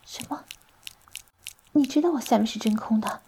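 A woman voicing a flirtatious, teasing sister-in-law in an intimate audio roleplay, speaking in a breathy close whisper. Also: fairly high pitch, moderate pace, dark tone, slight background noise, close to an everyday voice. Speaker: voice actress in an adult audio roleplay.

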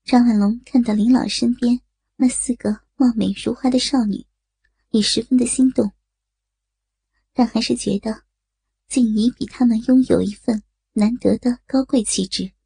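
A woman narrating a story in a steady, even storytelling voice. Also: fairly high pitch, moderate pace, creaky, husky, dry recording, low-quality recording. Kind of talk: audio erotic story narration.

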